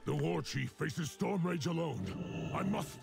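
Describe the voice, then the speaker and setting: A gravelly, regretful old orc warrior. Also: male voice, a little high, slow, heavily acted. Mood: grim. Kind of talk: video game cutscene acting. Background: loud game music.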